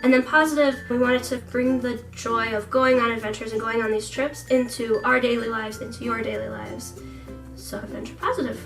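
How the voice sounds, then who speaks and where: A woman's voice: fairly high pitch, fairly even intonation, fairly quick, creaky, fairly bright tone, recorded from a distance, faint music behind, rough recording. A woman in her twenties, from the Netherlands, co-hosting a casual question-and-answer vlog and laughing often as she chats. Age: 20s. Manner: chatty and giggly, laughs often. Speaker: vlogger co-host. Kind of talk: casual Q&A chat.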